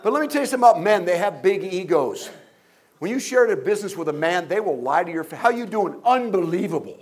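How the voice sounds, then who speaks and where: Speaking fast in a high voice with big pitch swings, an older guest at a motivational event spins funny stories. He cracks jokes, acts out voices and asks the audience rhetorical questions.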